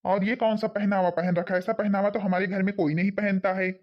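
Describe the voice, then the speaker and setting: A man's voice: high-pitched, flat delivery, fairly quick, lightly acted. A man playing a stern, disapproving old village father-in-law who grumbles about his new daughter-in-law. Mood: annoyed. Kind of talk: village family skit acting. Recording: dull lo-fi sound.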